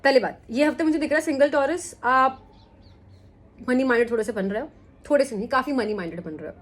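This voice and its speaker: A young adult woman with a high-pitched, fast voice gives a casual weekly tarot reading. She's chatty, mixes English into her Hindi, and keeps checking in with the listener, repeating "ठीक है?".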